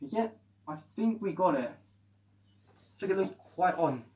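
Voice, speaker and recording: Excited man talking through a helmet mask. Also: high voice, unhurried. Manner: chatty and excitable, with frequent restarts. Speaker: product reviewer. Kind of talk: casual product review vlog.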